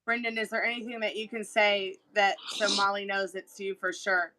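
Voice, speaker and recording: A woman's voice: mid-range voice, level tone, moderate pace, noisy background. A woman talking casually as she guides a live spirit session. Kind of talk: casual guiding talk during a live session.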